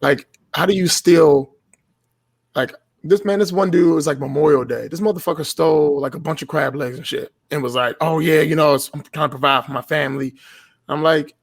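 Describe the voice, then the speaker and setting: A man's voice: fairly high pitch, a little fast, vocal fry, no room sound. A man in his thirties, a podcast guest, telling casual stories in a blunt, profane way and often laughing as he talks. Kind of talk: casual storytelling.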